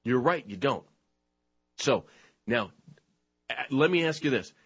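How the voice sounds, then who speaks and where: A man's voice: mid-range voice, lively intonation, unhurried, breathy edge. A man hosting a talk show, ranting in combative commentary, mocking and name-calling his targets. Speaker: show host. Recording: dull lo-fi recording.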